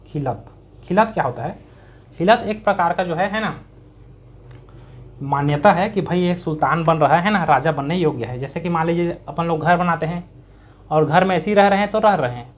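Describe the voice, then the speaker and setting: Guy doing a history class, chhattisgarhi-tinged accent, keeps asking then answering himself. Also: fairly high pitch. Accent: Chhattisgarhi-tinged Hindi. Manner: conversational, asks and answers own questions; repeats key words for emphasis. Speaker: teacher. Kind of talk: exam-prep history lesson.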